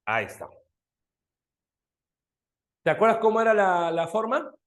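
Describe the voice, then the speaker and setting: Male teacher, high lively voice, keeps quizzing students; echoey room. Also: a little slow. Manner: lively, questioning students often, animated. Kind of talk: online exam-prep language class.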